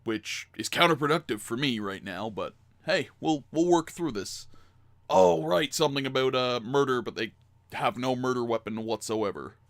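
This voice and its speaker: Brief: male let's-play commentator, mid pitch, rambling and self-mocking. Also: normal speed, a bit bright. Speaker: gamer playing a detective game.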